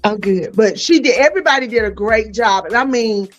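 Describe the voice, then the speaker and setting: A middle-aged woman hosting a podcast, chatting in a lively, expressive way and often laughing and exclaiming. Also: fairly high pitch, a little fast, highs cut off, soft background music. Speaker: podcast host. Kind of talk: casual chat.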